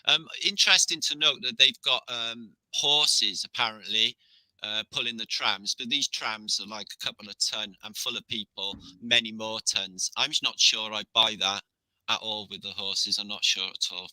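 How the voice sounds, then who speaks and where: A man's voice: lowish voice, moderate pace, sharp tone, no room sound, low-quality recording. A middle-aged man with a British accent, a guest on a live-stream conversation, explaining his theories at length in a rambling, conspiratorial way over a video call. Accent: British English. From Britain.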